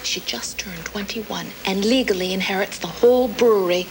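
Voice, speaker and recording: Woman playing a polite formal receptionist, middle pitch, loud music score behind. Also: normal speed, vocal fry, close to an everyday voice, poor audio. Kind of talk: film comedy dialogue.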